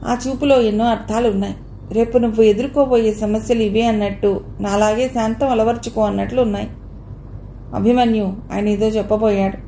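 A woman's voice: fairly high pitch, steady tone, fairly quick, mellow, roomy sound, slight background noise. A woman reading a novel aloud as an audiobook narrator, with light changes of voice for each character's dialogue.

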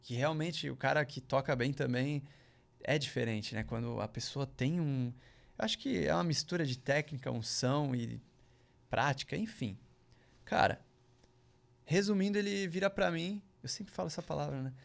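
Male podcast guest with a raspy, gravelly, slightly high voice. Casual, slangy storyteller who acts out the lines of others. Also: normal speed. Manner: slangy, rambling storyteller full of "cara" and "velho" asides.

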